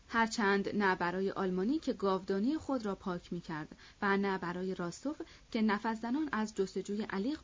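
A woman narrating a classic novel as an audiobook in a steady, measured reading. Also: mid-range voice, dull audio.

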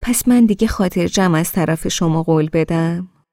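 A woman's voice: lowish voice, dark tone, no room sound, studio quality, natural voice. Woman playing a sweet, hesitant old grandmother. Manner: hesitant, stops and restarts. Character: sweet-talking elderly grandmother, gentle and hesitant.

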